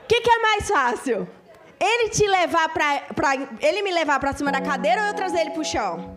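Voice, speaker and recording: High-voiced woman preaching. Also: fairly quick, some chatter behind. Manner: animated, acts out scenes, emphatic. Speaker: pastor. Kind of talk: lively stage preaching. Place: church stage before a congregation. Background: music.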